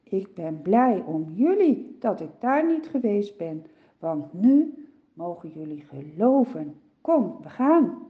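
A woman voicing Jesus as a calm, gentle, soft-spoken man in a storybook for children. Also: medium pitch, takes it slowly, narrow, tinny audio.

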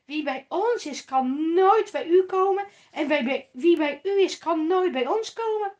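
Father Abraham, an old patriarch, answers with firm and patient admonishment, voiced by a woman storyteller. Each sentence comes slow and measured. The voice stays fairly high for the figure. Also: expressive, a little mellow, muffled recording.

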